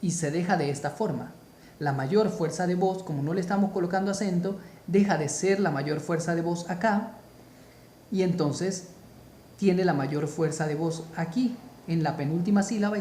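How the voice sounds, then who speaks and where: A man teaching a spoken grammar lesson, slow and deliberate, repeating key terms for emphasis. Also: fairly high pitch, mellow, roomy sound, a little hiss or hum.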